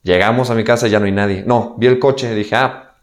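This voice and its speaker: A man's voice: fairly low pitch, fairly even intonation, fairly quick. A young man with a Mexican accent telling a personal story in a candid, slangy way, acting out the dialogue he quotes. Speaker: guest.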